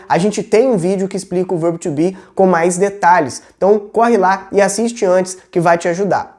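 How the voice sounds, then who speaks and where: Brazilian woman teaching a video lesson, patient, middle pitch, keeps checking you're following. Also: darkish tone. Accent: Brazilian Portuguese. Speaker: English teacher.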